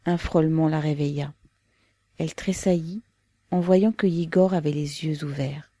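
A woman narrating a novel as an audiobook in a slow, measured, grave manner. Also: deep voice, steady tone, warm tone, dry recording.

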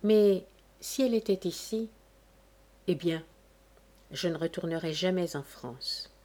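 A woman's voice: on the low side, a little slow, warm tone. A woman reading a grieving chevalier. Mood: sorrowful. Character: grieving young male nobleman, a chevalier.

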